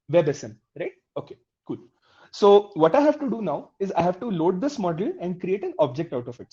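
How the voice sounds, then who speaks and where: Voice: mid-range voice, warm tone. An instructor teaching a live online coding class, explaining step by step, putting questions to the class and often checking in with "okay?" and "right?". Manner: addresses the class directly with questions. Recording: dull, muffled lo-fi audio.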